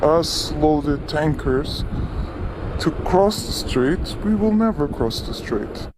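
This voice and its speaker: A tanker ship officer speaking slowly and deliberately, his voice electronically altered to hide his identity, heard in a news clip. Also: a little high, expressive. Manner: slow, deliberate delivery. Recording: news clip with loud background noise.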